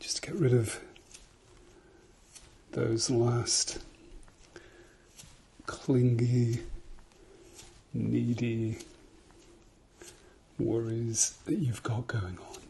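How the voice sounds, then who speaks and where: A British man doing an ASMR ASMR role-play, soft-spoken and slipping into speaks softly, giving insistent, repeated instructions and reassurance. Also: mid-range voice, little pitch movement, very slow, creaky, pauses often, a little hiss or hum.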